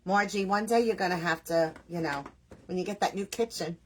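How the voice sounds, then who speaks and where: While crafting live, a woman with a New York accent talks loosely with her audience, wandering off topic, poking fun at herself and calling out viewers' names. Her voice is fairly low and a little fast, with some hiss or hum in the background.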